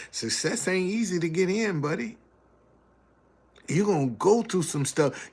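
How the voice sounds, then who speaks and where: This husky, mid-range voice belongs to a man in his seventies running a livestream. He mixes casual chatter with preacherly talk about success, reading viewers' messages aloud in a homespun way.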